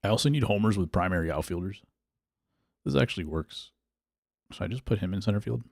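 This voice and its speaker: Low, gravelly-voiced male streamer. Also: a little fast, dry recording, studio quality. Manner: thinks aloud, reads and answers chat, relaxed. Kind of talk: casual gameplay livestream chat.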